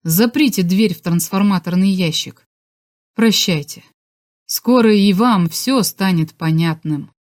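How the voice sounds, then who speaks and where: A woman voicing a secretive male scientist on the run in an audiobook, speaking in a hushed, urgent way. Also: mid-range voice, measured pace, natural voice. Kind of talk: audiobook character voice.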